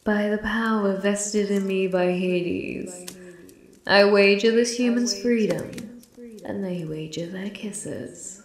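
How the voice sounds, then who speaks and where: In an intimate ASMR roleplay, a woman with a medium-pitched voice plays a flirty, possessive female demon bartender. She's teasing and unhurried, sometimes slipping into whispers, with a taunting, seductive mood.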